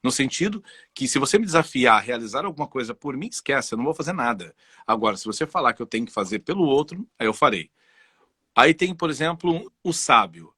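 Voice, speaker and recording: A Brazilian-accented man speaks as a guest in a relaxed interview, animated and personal as he tells stories. His voice is husky yet bright and forceful. The sound is dry and close. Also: mid-range voice, dry recording. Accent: Brazilian Portuguese. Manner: animated, personal storytelling with frequent "entendeu?". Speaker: guest voice and communication specialist. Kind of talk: casual conversational interview.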